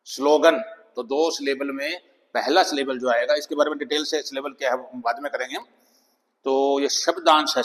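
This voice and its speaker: A man teaching a phonics lesson, speaking slowly and deliberately, reading English headings aloud. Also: fairly high pitch, a bit bright. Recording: long echoing reverb.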